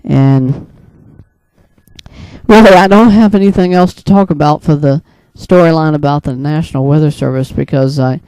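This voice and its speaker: A man with a mellow, smooth voice on the high side rambles through a casual, unscripted account of a dream. A video creator and storyteller, he's hesitant and halts mid-thought. The recording is dry and rough.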